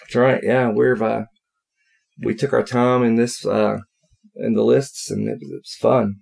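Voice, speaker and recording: A man's voice: mid-range voice, steady tone, unhurried, vocal fry, darkish tone. A man co-hosting a podcast in an easygoing, agreeable casual chat. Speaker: podcast co-host.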